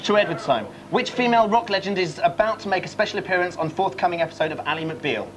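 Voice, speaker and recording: A man's voice: high voice, quick pace. A man in his twenties presenting a children's TV game show as quizmaster in a studio. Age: 20s. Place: TV studio with teams around. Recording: noisy TV studio, rowdy crowd.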